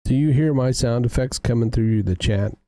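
A man's voice: mid-range voice, normal speed, mellow, dry recording, clean studio sound. A man hosting a casual gaming livestream, thinking aloud as he fiddles with his audio settings. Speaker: streamer host.

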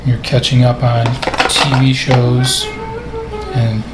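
A man giving a relaxed, step-by-step cooking lesson over his video, explaining each move in a home kitchen. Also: medium pitch, slow, echoey room, loud music behind the voice, poor audio. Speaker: cooking instructor.

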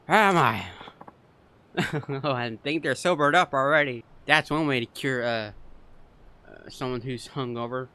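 A man's voice: medium pitch, measured pace, bright, forceful tone, clean tone. A man streaming a video game, giving laid-back, joking commentary and swearing freely. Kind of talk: gameplay commentary.

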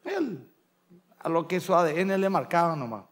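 Middle-aged male Paraguayan pastor, sermon delivery, storyteller, slightly raised pitch. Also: very animated, normal speed. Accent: Paraguayan Spanish. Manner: storytelling, acting out family voices in quotes.

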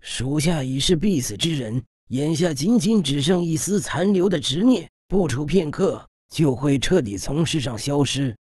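A man voicing a devoted male subordinate who is dying, speaking hoarse, breathless and in broken phrases in an audiobook. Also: a little high, expressive, darkish tone, no room sound, clean studio sound. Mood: pleading, fading. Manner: halting, broken-up speech.

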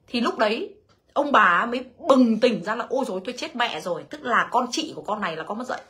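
Bright-voiced woman telling blunt stories. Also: on the high side, fast talker. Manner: blunt, animated, talks straight to her audience. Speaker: livestream host telling her life story. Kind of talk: casual storytelling to viewers.

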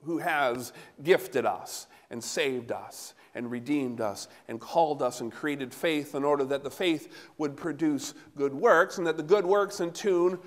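Middle-aged male pastor, high voice, animated sermon delivery, long church reverb. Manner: animated, gesturing, walking about while preaching. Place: large church sanctuary before the altar. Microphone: no handheld mic, recorded from a far camera.

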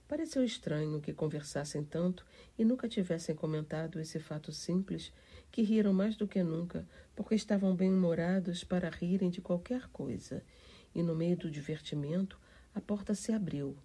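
A woman reading an audiobook aloud in calm, measured storytelling narration. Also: fairly low pitch, husky. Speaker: audiobook reader. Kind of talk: scripted narration.

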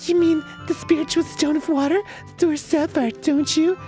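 A man voicing a clingy, bossy young fish princess from a video game in a high, pouty falsetto, reading the game's dialogue aloud. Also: steady tone, normal speed, a little mellow, soft background music. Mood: haughty, coy.

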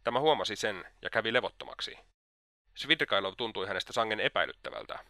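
Low bright male audiobook narrator. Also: animated, dry recording, studio quality. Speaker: audiobook reader. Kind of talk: scripted narration.

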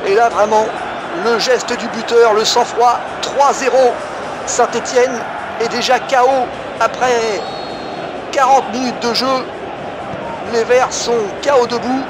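Man, excited sports commentary, very high voice, dramatic exclamations, repeated phrases, loud crowd noise behind. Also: takes it slowly. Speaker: football commentator. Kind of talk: excited sports commentary of a football video game match. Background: cheering crowd and stadium ambience.

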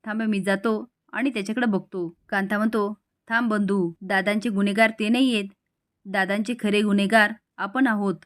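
A woman's voice: mid-range voice, steady tone, normal speed, dry recording, clean studio sound. A woman narrating a recap of a serial episode, reading out the characters' lines as she goes. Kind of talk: storytelling recap with quoted dialogue.

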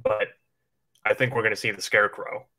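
In a loose, rambling conversation, a man co-hosts a livestream, chatting casually and speculating about films in informal wording. His voice is fairly low with a bright, forward edge, and his intonation stays fairly even at a brisk pace.

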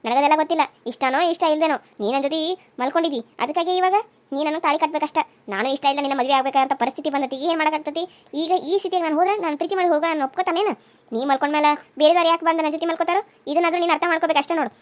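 A woman's voice: sits high, rapid-fire, natural voice. A woman voicing an insistent, scheming young woman in a cartoon serial, accusing and demanding. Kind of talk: cartoon voice acting.

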